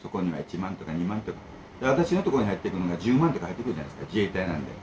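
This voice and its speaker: A bento shop owner who hosts his own channel rambles casually to camera, jumping from complaints to advice. His low, darkish voice is very animated and rapid-fire, and the poor audio carries a little hiss or hum.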